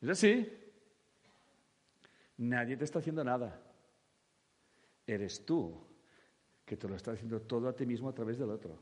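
Animated man addressing an audience. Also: mid-range voice, normal speed, long pauses, big-room sound. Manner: lively, acts out quoted voices, jokey and crude. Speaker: spiritual speaker. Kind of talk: humorous talk to an audience.

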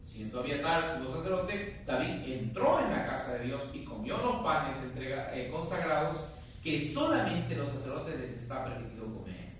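A man, a friar, teaching a theology class, reading scripture aloud and explaining it in a lively, conversational way while he questions his students. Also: medium pitch, normal speed. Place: lecture room. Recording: very echoey room, far from mic, faint hiss.

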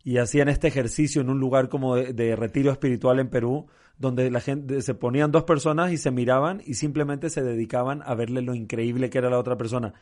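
A man's voice: medium pitch, steady tone, brisk, hardly any pauses, a little mellow. A man with a Mexican accent chats casually, full of street slang. He tells jokes by acting out the people in them, with an easy storyteller's manner. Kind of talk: casual conversation, telling a joke.

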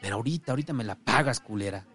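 Guy putting on a crippled thug, cursing and harsh, yells high and loud then grumbles low. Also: animated, fast talker, lightly acted. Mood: muttering angry. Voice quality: harsh, cursing, shouting bursts. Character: foul-mouthed crippled middle-aged male dealer, short-tempered.

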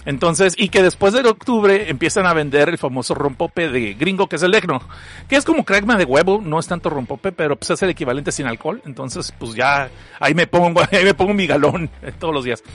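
A northern Mexican man hosts a livestream in a casual, joking way, reading chat messages aloud with plenty of slang. His voice sits fairly high for a man. A lingering cough stays with him throughout. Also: animated, a little fast, fairly bright tone, faint music behind. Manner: joking, slangy, laughs often. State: has a cough. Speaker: livestream host.

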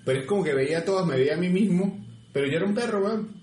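A young man co-hosting a podcast, joking and swearing casually in quick bursts. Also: sits high, expressive, darkish tone. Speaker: podcast co-host. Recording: echoey room with faint noise.

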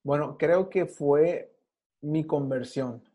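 A man's voice: on the high side, slow pace, warm tone. A young Mexican man with a Mexican Spanish accent, a podcast guest telling his story casually with slang and acted-out quotes. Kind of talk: casual testimony.

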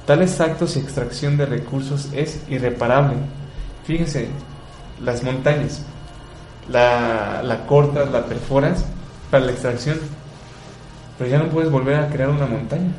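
A man's voice: medium pitch, a little mellow, reverberant, a little hiss or hum, rough recording. A man giving earnest commentary, asking rhetorical questions and repeating words for emphasis. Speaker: radio host. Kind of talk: reflective commentary on environmental issues.

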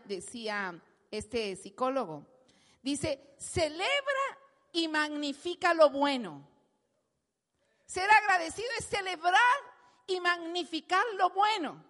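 A woman preaching a sermon in a church, animated, acting out quotes and calling the congregation "hermanos". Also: sits high. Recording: long hall reverb.

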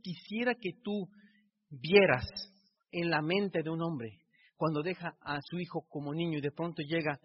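A man's voice: fairly high pitch, fairly even intonation, normal speed, husky. A middle-aged man with a Mexican Spanish accent giving an emotional motivational speech, piling up repeated rhetorical phrases. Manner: repetitive rhetorical build-ups. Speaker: motivational speaker. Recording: dull recording in a reverberant hall.

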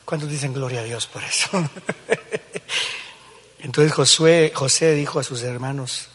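A middle-aged male pastor, preaching a dramatic sermon that swings from hushed tones to shouts. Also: mid-range voice, fairly even intonation, measured pace, breathy edge. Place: large church hall. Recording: echoey church hall.

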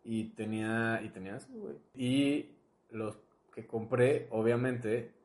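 A young man with a Mexican accent, talking in a relaxed, slangy way in casual chat. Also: mid-range voice, unhurried. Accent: Mexican Spanish. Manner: slangy, relaxed, ends phrases with "güey". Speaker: podcast co-host. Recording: echoey room.

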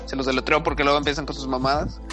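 A man's voice: medium pitch, flat delivery, rapid-fire, over music. A man from Mexico, co-hosting a casual gaming podcast with joking, crude banter. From Nuevo León, Mexico. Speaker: podcast co-host.

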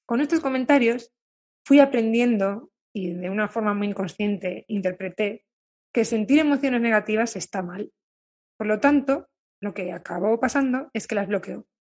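A woman with a Spanish accent from Spain, a therapist calmly telling viewers her own story in a candid, confiding monologue. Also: mid-range voice, normal speed. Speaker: therapist who treats eating issues. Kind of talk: personal reflective monologue to viewers.

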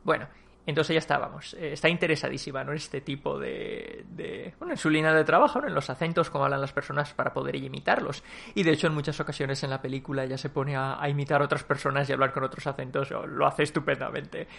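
Gravelly-voiced Spanish man reviewing a film. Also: fairly high pitch, fast talker, fairly bright tone. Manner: rambling, many fillers and restarts. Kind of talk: casual spoken film review.

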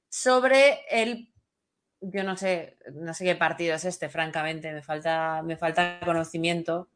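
A woman's voice: fairly low pitch, a bit bright. A woman hosts an interview in a chatty, loose way, thinking aloud as she asks her questions. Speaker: interview host. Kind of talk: casual interview, live show.

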